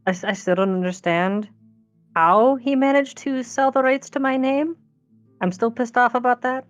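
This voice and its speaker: A woman's voice: a little high, normal speed, highs cut off, faint music behind, voice pushed up, close to an everyday voice. A woman playing an exasperated, sardonic mage in a tabletop game, with a wry, grumbling manner.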